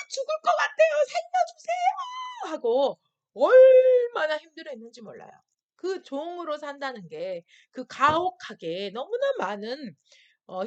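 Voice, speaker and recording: A woman pastor with a high voice, preaching to young people in a lively way. She keeps asking her listeners questions and breaks into short acted-out quotes. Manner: acts out voices of people and God in quoted asides; asks listeners frequent questions. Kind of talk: youth worship sermon. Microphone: screen-recorded stream.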